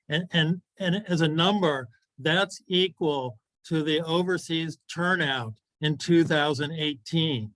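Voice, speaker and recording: A man's voice: a little high, a bit bright, no room sound, rough recording. A man from the American Midwest giving a casual campaign speech on a video call. He talks in a conversational way, with frequent restarts and asides. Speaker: candidate for party office.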